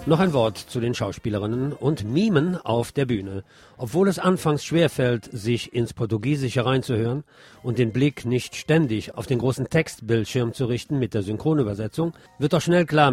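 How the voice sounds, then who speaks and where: On a radio show, a male host gives an expressive theater review in monologue form, speaking formally to his listeners. His voice sits in the mid range with a slightly breathy edge, moving at a moderate pace over faint background music.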